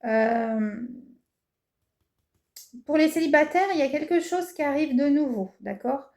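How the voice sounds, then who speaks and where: A woman's voice: high voice, expressive, a little slow, darkish tone. A woman giving a casual horoscope tarot reading, hesitant and reassuring, with frequent fillers. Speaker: tarot reader. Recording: echoey room with faint noise.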